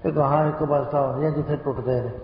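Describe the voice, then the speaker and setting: A man giving a spiritual sermon, slipping into slow sung lines as he explains. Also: fairly high pitch, fairly even intonation, a little hiss or hum. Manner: slow chanting of sacred lines within speech. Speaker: Sikh preacher. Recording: echoey hall, muffled lo-fi sound.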